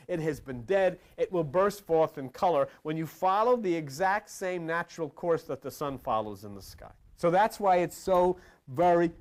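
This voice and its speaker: A high-pitched man delivers an esoteric, sermon-style lecture as a spiritual teacher. He speaks emphatically, repeating phrases and posing rhetorical questions.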